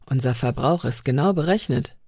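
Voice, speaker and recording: A woman voicing a cautious young male energy technician, speaking in a calm, measured way. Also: very deep voice, husky, no echo, clean studio sound, heavily acted.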